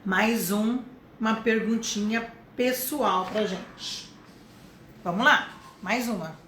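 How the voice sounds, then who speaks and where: A Brazilian woman teaching English to adults in a live online lesson, chatty and explaining step by step, saying the English phrases slowly. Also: mid-range voice, fairly bright tone. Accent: Brazilian Portuguese. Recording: echoey room with faint noise.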